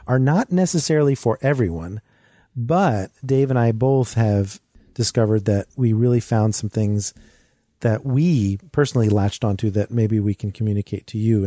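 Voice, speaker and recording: A man co-hosting a podcast, talking quickly in an easygoing way. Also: mid-range voice, mellow, no room sound, studio quality. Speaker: podcast co-host. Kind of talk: casual podcast chat.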